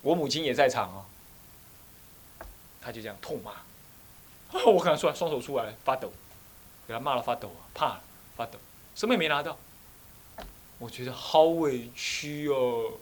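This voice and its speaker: A man's voice: medium pitch, moderate pace, pauses often. Taiwanese abbot guy preaching, tells stories, swings his voice all over. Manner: animated storytelling, acts out scolding voices, asks the listeners questions. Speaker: abbot and Buddhist teacher. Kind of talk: dharma talk with personal stories.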